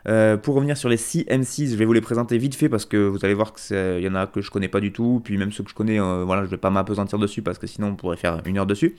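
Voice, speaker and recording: Casting: male radio host, lowish voice, loose rambling delivery. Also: little pitch movement, quick pace, hardly any pauses, darkish tone, smooth. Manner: rambling, many fillers and restarts. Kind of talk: casual radio presenting.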